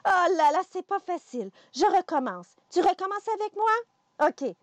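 Animated, slow-talking Quebec French woman. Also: very high voice, no room sound. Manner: slow, animated, encouraging, speaks directly to a child. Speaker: counselor leading a children's activity. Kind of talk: playful tongue-twister lesson for children.

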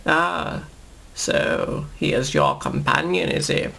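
A man's voice: low-pitched, huge pitch swings, slow pace, creaky, sharp tone, voice pushed down, heavily acted. A man voicing a scheming, mocking alien scientist villain in an amateur fan film, taunting and drawn out. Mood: gloating.

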